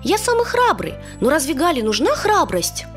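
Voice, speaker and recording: A woman doing a high eager little boy bear. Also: moderate pace, soft background music. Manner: high, earnest, excited. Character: small brave boy teddy bear, eager and polite.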